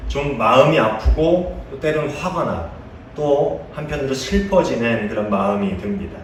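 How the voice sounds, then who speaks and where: A man's voice: medium pitch, animated, normal speed, a little hiss or hum. A male pastor preaching a sermon in a conversational way, asking his congregation questions and telling playful anecdotes. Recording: echoey room heard from a distance.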